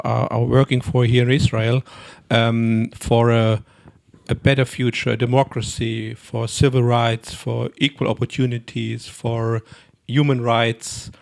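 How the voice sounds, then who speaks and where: A man's voice: medium pitch, creaky. A man hosting a conversational interview, searching for his phrasing as he goes. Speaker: interviewer, host.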